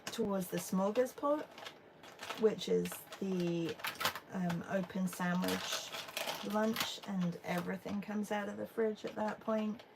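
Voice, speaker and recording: An Englishwoman hosting an art livestream talks slowly in a gravelly, mid-range voice, chatting casually as she draws and reads the chat aloud. She's relaxed, thinking aloud with fillers, over a noisy background.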